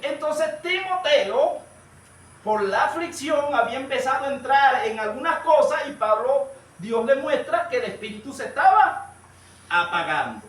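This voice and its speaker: High-voiced preacher in an echoey hall. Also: male voice, lively intonation, a little slow. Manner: storytelling, addresses listeners as brother, rises to shouts. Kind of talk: sermon. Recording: echoey room, far from the mic, light noise.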